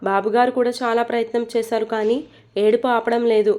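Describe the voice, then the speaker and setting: A woman's voice: fairly high pitch, steady tone, brisk, darkish tone, close to an everyday voice. A woman voicing a caring, worried middle-aged housemaid in a storybook reading, respectful and anxious.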